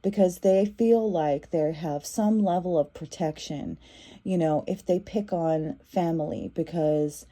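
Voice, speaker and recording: A woman's voice: lowish voice, measured pace, mellow. A woman giving a casual tarot reading, talking in a loose, repetitive way with many fillers and restarts. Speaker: tarot reader.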